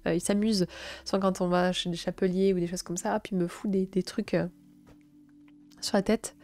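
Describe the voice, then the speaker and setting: A woman from the South of France with a southern French accent, streaming live. She reads passages aloud and chats softly with viewers, with hesitant fillers in her asides. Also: medium pitch, steady tone, normal speed, soft background music. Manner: soft, hesitant asides with frequent fillers between read passages. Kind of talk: reading astrology text aloud and chatting with viewers.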